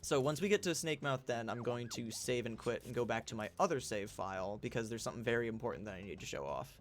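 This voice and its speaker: A man talks through a video game livestream in a loose, meandering way, doubling back and filling pauses with uh. His voice sits at an ordinary pitch. Soft music plays faintly behind him. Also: expressive. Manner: rambling, filler-heavy explaining. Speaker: game streamer. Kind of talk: casual gameplay commentary.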